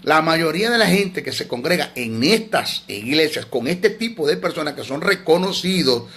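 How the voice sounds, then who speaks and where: A man's voice: on the high side, expressive, normal speed, a bit bright. A man teaching theology in a sermon, emphatic and scolding, often repeating words.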